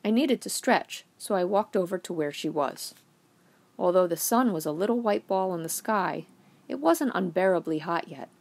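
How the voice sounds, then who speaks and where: A woman's voice: fairly low pitch, expressive, moderate pace, creaky, darkish tone. A woman reading a short story aloud in a wry first-person narration. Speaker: reader.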